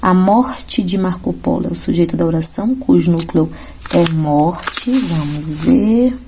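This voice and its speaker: A woman's voice: lowish voice, unhurried, gravelly, mellow, slight background noise. A woman teaching grammar for exam prep, explaining step by step and often checking in with her students. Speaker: Portuguese teacher. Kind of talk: exam-prep lesson going through questions.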